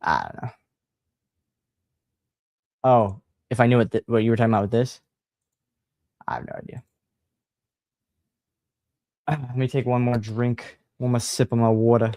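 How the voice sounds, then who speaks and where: A man hosting a livestream, chatting casually and reading a horror book aloud in a relaxed, sighing manner. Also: mid-range voice, normal speed, long pauses, dry recording, clean studio sound. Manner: relaxed, sighing, laid-back.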